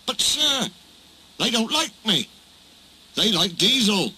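A humble little storybook engine voiced by a man, polite and a bit hesitant. The voice is high and bright, with earnest deference. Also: very animated, takes it slowly, breathy edge, exaggerated voice. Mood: anxious.

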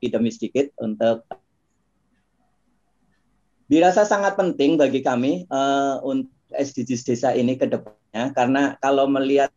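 A man's voice: mid-range voice, moderate pace, pauses often, a little mellow. A village secretary speaking hesitantly in an online meeting, his voice chopped up by a breaking video call connection. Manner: hesitant, many filler sounds. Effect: choppy, breaking-up video call audio. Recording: dull lo-fi video call audio.

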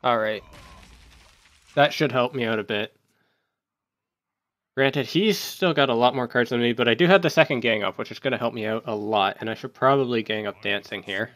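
A man giving casual gameplay commentary, thinking aloud as he plays and breaking into sudden excited outbursts. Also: mid-range voice, moderate pace, pauses often, no echo. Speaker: gaming YouTuber.

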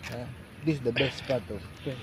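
A man chatting on a walk outdoors, excitable and playful, mixing English, Swahili and French. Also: medium pitch, a little fast. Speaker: friend on the walk. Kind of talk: casual walking vlog chat. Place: outdoors by a stadium at dusk. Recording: street noise, off-mic phone sound.

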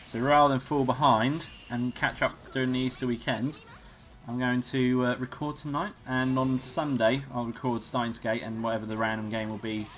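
A young man talks through a video game in a loose, rambling way, swearing often as he plays. His voice sits at an ordinary middle pitch. Game music runs clearly underneath him. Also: flat delivery, normal speed, fairly bright tone. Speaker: let's play host. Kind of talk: gameplay commentary.

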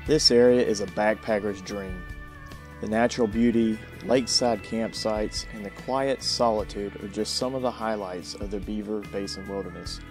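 A man reading a calm, reflective scripted voice-over for his hiking vlog. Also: lowish voice, normal speed. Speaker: hiking vlogger. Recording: voice-over with music behind.

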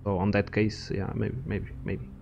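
A man's voice: lowish voice, completely flat delivery, normal speed, creaky, darkish tone, dull audio, slight background noise. Rambling young man narrating gameplay. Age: young adult. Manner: rambling, profane, thinks aloud. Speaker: gaming channel host. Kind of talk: casual gameplay commentary.

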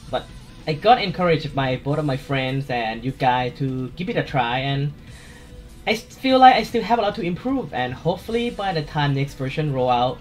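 A man with a Thai accent hosts his gaming channel in a casual voice-over chat. He's soft-spoken and a little hesitant, with a mid-range voice.

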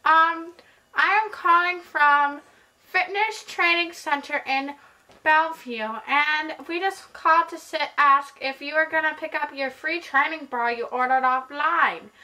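A halting fake store clerk, as a woman plays her in a prank call. Her voice is high and bright, and she stumbles and restarts as she reads out the message. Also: low-quality recording. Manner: halting, stumbling over words.

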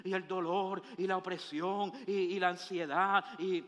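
A man preaching a Sunday sermon, swinging from hushed murmurs to loud bursts and throwing rhetorical questions and humorous asides to the congregation. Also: high voice, little pitch movement, a little slow, long reverb tail. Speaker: pastor. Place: church sanctuary.

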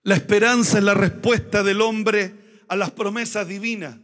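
High-voiced emphatic male pastor preaching. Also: fairly even intonation, moderate pace, fairly bright tone. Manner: emphatic, repeats phrases for emphasis. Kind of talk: sermon.

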